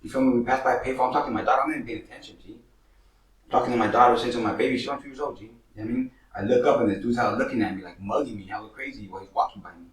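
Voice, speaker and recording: A man's voice: medium pitch, racing. Streetwise man telling stories, roomy and distant. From Northern California. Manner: streetwise slang, peppered with "money" and "you feel me". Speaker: host telling his own stories. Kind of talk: casual storytelling to camera.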